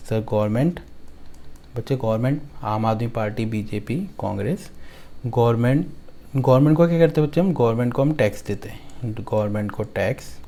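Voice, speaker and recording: A male accounts teacher from Delhi, lecturing his students in a Hindi-speaking accent. He repeats key lines slowly, turns them into a rhyme to recite and keeps asking if things are clear. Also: mid-range voice, dark tone.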